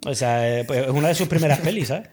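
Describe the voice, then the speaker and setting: A man's voice: medium pitch, fast, a little mellow, husky. A man, chatting casually and enthusiastically about films as a podcast co-host, full of slang. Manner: enthusiastic, uses slang and filler words. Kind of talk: casual film discussion.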